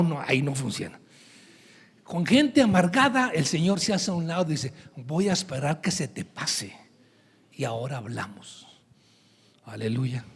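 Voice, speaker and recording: A man with a high, husky voice preaches to his church, acting out the lines of the story's characters. His voice rings through a large hall with a long echo. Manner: animated storytelling, acts out the prophet's lines. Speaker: pastor. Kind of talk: sermon. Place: church sanctuary.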